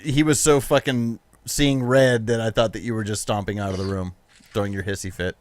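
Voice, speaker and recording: Lowish guy game mastering, casual tabletop narration. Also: steady tone, a little fast.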